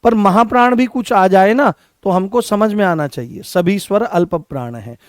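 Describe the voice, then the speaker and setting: A man's voice: high-pitched, moderate pace, dry recording, studio quality. A male teacher giving an exam-prep grammar lesson. He repeats phrases over and over, asks the class questions and addresses the students affectionately.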